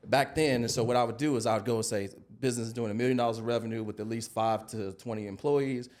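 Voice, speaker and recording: A fast-talking digital marketing consultant, American and in his early forties, guests on a podcast and shares stories in a relaxed, conversational style. His medium-pitched voice is steady with a darkish tone.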